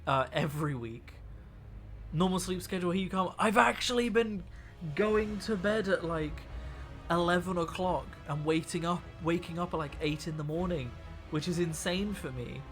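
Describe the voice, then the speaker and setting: This young man's voice is high and fairly bright, moving at a moderate pace with faint music in the background. He's tired after a week of talking, chatting in a rambling way and restarting sentences while he paints miniatures on a live stream.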